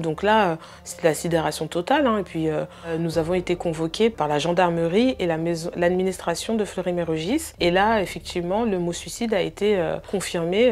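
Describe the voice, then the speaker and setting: A woman giving an earnest documentary testimony as a bereaved sister. She speaks hesitantly, with frequent filler pauses. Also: lowish voice, creaky, a little mellow. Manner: earnest, emotionally heavy recounting.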